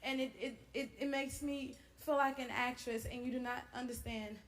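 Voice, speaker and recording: A woman's voice: sits high, fairly even intonation, normal speed. A woman giving an emotional acceptance speech, breathless and laughing between phrases. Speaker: award recipient.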